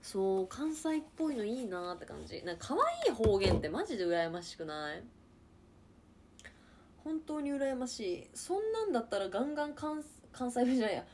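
A young woman in her twenties from Niigata, Japan, hosting a casual livestream chat and answering viewers with quick reactions and frequent laughter. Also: on the high side, big pitch swings, noisy background. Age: 20s. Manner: chatty, reacts to comments, laughs often. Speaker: livestream host chatting with viewers.

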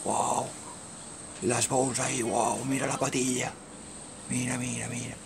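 A man with a Catalan accent, recorded on a phone outdoors, talking to himself in a gravelly, creaky voice. He keeps repeating himself, mutters under his breath and often sinks into whispers. Faint noise sits under the recording. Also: mid-range voice, flat delivery, a little slow. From Maresme, Catalonia. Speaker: amateur filmer. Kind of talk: casual commentary while filming. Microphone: phone camera.

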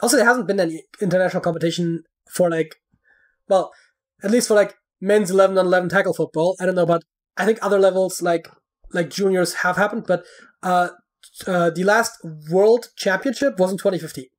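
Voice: medium pitch, fairly even intonation, fairly quick. A podcast guest in casual chat, explaining at length with many fillers and restarts.

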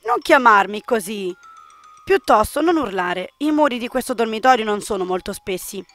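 A woman reading the lines of a calm, quietly possessive young man in a dating game, keeping close to her own voice. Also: fairly high pitch, moderate pace, faint music behind. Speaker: game player reading a character.

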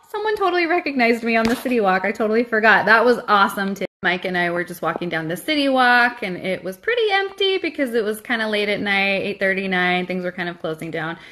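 A woman recapping a theme park trip in a chatty, animated vlog. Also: fairly high pitch. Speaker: vlogger.

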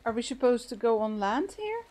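A woman's voice: a little high, big pitch swings, a little fast, darkish tone, slight background noise. A woman chatting casually as she plays a co-op game, hesitant and thinking aloud. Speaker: gamer playing co-op. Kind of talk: casual gameplay chat.

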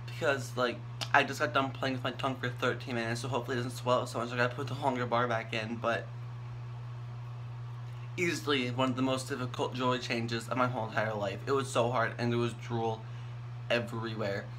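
A man's voice: mid-range voice, flat delivery, a little fast, a bit bright, poor audio. A young adult man chatting casually to a camera at arm's length in a small bathroom. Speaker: vlogger. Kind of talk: casual chat. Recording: clear background noise in bathroom.

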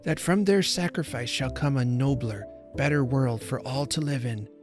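A man voicing a grave, solemn old Father Time who speaks gently and gravely. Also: mid-range voice, normal speed, over music, pitched above the performer's own voice, close to an everyday voice.

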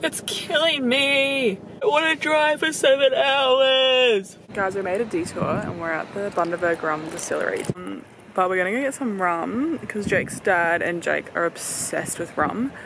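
With a mid-range voice and a measured pace, a young Australian travel vlogger in her twenties talks casually to a handheld camera or phone. She is on a road trip, in the car and outdoors, and her chat is heavy with fillers, "like" especially. Vehicle and outdoor noise are audible throughout.

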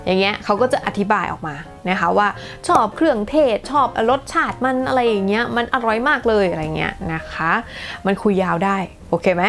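A woman hosting a casual English lesson, chatting in a lively way and mixing English phrases into her explanations. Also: medium pitch, brisk, faint music behind. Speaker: English teacher and channel host.

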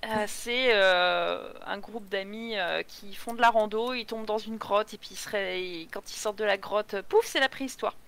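A woman co-hosting a live manga chat who sums up plots in a brisk, sarcastic way. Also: medium pitch, vocal fry, a bit bright, clean tone. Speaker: streamer co-host reviewing manga. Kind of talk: casual chat with scripted summary. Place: live stream.

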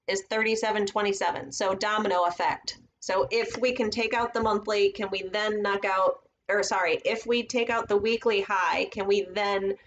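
A woman's voice: medium pitch, lo-fi sound, slight background noise. A woman casually teaching trading setups on a live stream, thinking aloud as she marks up charts at her computer. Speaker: trading educator.

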